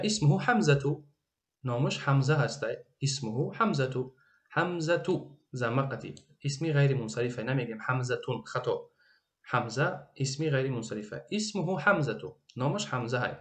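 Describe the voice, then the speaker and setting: Tajik-accented male Arabic teacher, patient, repeats and translates each phrase, mid-pitched voice. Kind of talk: recorded Arabic grammar lesson.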